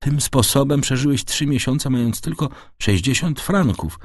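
A man's voice: medium pitch, lively intonation, moderate pace, no room sound, studio quality, pitched above the performer's own voice, natural voice. A man voicing Edmund Dantès, an earnest young sailor. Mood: anxious. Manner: earnest and urgent.

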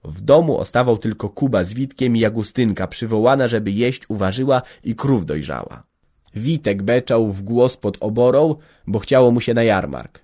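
Measured male audiobook narrator. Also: fairly low pitch, dark tone. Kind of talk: audiobook reading of a classic novel.

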